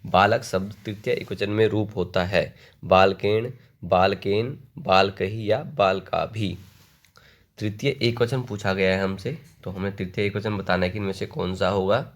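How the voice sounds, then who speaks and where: A man leads an online exam-prep lesson in a fairly low voice. He reads each question aloud, then recites the word forms in slow, rhythmic lists. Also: fairly even intonation. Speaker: Sanskrit exam tutor.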